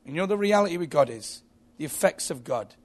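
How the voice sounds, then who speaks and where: A man's voice: a little high, lively intonation, fairly quick. A man preaching a sermon in a church, telling stories with frequent restarts and repeated words.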